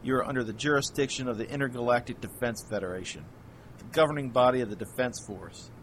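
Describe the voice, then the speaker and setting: A man voicing a male special agent, dry, matter-of-fact, faint rumble behind, audio drama. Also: fast, a bit bright, natural voice. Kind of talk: amateur audio drama acting.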